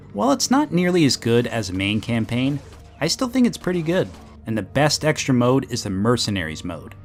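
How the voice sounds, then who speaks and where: A man with a Canadian accent reading a scripted game review, full of sarcastic joking asides. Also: lowish voice. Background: background music.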